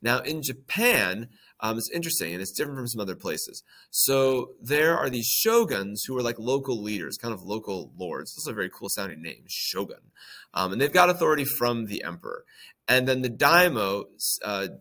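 A man's voice: mid-range voice, expressive, normal speed, pushed and bright. A man teaching a history lesson in a casual, conversational way, with frequent ums and playful acted-out quotes. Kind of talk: casual lecture.

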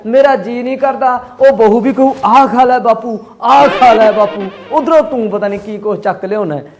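A man with a Malwai Punjabi accent playing an elderly, soft-spoken father-in-law who gently complains and keeps the peace. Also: extremely high pitch, normal speed, noisy background. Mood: grumbling gently. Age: older. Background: music.

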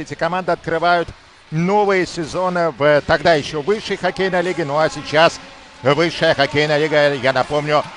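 A man doing live hockey commentary as a play-by-play announcer, emphatic and excited in his goal calls. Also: on the high side, a little hiss or hum.

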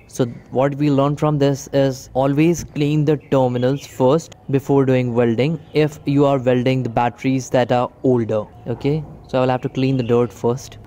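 Outdoors at a table near some plants, a man who hosts electronics videos demonstrates a product hands-on, guiding "guys" through every step. His voice is mid-range and mellow, with slight background noise.

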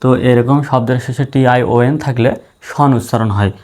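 A man's voice: medium pitch, steady tone, normal speed, a little mellow. A man teaching English spelling and pronunciation, patiently spelling out letters one by one and repeating each sound. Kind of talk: spoken spelling and pronunciation lesson.

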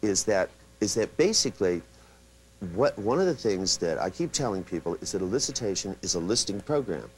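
Lively, animated male seminar trainer. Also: deep voice, fairly quick, a little hiss or hum, poor audio. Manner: animated storyteller who acts out quotes; many restarts and asides. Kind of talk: live seminar lecture.

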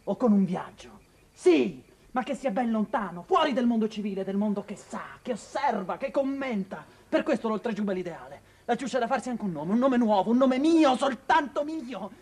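An actor playing a tormented young man in a 1980s TV drama, pleading with his mother, bitter and impassioned, swinging between hushed tones and outbursts. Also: mid-range voice, normal speed, breathy edge, close to an everyday voice.

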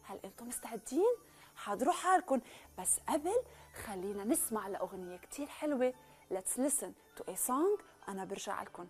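A young woman with a Levantine Arabic accent teaching children English, slowly drawing out letters and words. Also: fairly high pitch, faint music behind. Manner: lively, drawn-out teacherly pronunciation. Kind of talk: children's language lesson.

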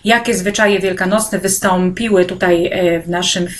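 A woman teacher slowly guiding children through an online e-textbook lesson, speaking to them directly and often pausing on hesitant fillers. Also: lowish voice, fairly even intonation. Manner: slow and patient, with frequent hesitant "e" fillers. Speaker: primary school teacher.

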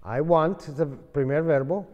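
Male teacher, unhurried and patient, mellow voice, classroom echo. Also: a little high, lo-fi sound. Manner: slow, patient explaining, switching between Spanish and English. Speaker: English teacher. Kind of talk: classroom lesson in Spanish and English.

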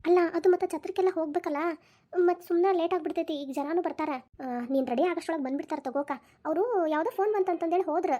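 Brisk reassuring younger sister, dharwad accent, a woman voicing her, rattles on fast. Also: extremely high pitch, lo-fi sound. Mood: chatty. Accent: North Karnataka (Dharwad) Kannada. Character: chatty younger sister, cheerful and helpful.

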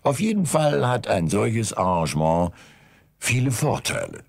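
A man voicing an indignant, sharp-tongued wife in a humorous audiobook, raising his voice into a high, shrill register. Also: big pitch swings, measured pace, vocal fry, no room sound, clean studio sound, heavily acted. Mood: coy.

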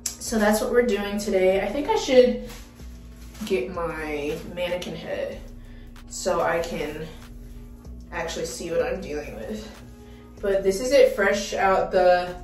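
Young woman vlogger, unhurried and excitable, recorded a bit off-mic in a room with faint music behind. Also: fairly low pitch, far from the mic. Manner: excitable, dramatic exclamations. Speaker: beauty vlogger. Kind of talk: casual vlog chat. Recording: roomy, mic set back, faint music.

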